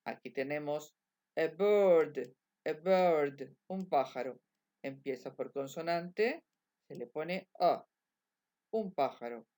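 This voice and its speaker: A woman teaches English grammar, moving between two languages. She speaks very slowly in a somewhat low voice. She says each example again and again. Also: animated, warm tone. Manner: slow, repetitive drilling of examples. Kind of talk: bilingual grammar lesson.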